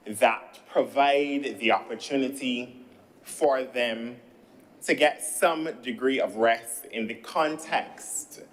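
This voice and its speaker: A man's voice: mid-range voice, a bit bright, rough recording. A man in his thirties from Barbados with a Barbadian accent, giving a formal parliamentary speech as a senator and often addressing the chair. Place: legislative chamber.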